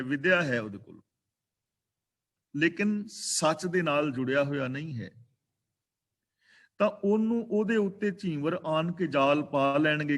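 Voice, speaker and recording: A man in a slightly high voice teaches a scripture class. He explains each verse in a steady, measured way and slows down to recite the lines and to show how they are pronounced. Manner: explains pronunciation of scripture carefully. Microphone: online video meeting.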